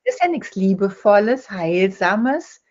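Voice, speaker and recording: A woman's voice: medium pitch, sing-song, unhurried, a little mellow. A woman speaking as an interview guest, telling stories and playing out the lines of the people in them. The recording sounds dull and lo-fi. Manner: storytelling, acts out quoted speech. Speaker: guest, holistic dental health speaker. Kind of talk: conversational interview.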